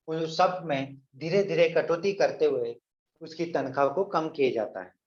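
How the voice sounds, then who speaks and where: Male teacher explaining a play, paraphrasing each line, in a lo-fi room recording. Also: on the high side. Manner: reads lines aloud, then paraphrases and repeats them. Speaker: Hindi teacher. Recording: echoey, dull lo-fi recording.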